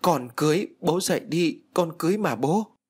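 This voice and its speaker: A man's voice: on the low side, sing-song, moderate pace, slightly rough, full character voice. A man voicing a grieving young woman at her father's bedside, tearful and pleading. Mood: desperate.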